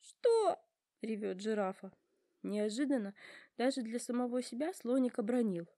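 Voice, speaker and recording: A woman narrating a children's story in an expressive, playful way. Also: fairly high pitch, moderate pace, no room sound, clean studio sound. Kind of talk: storybook reading.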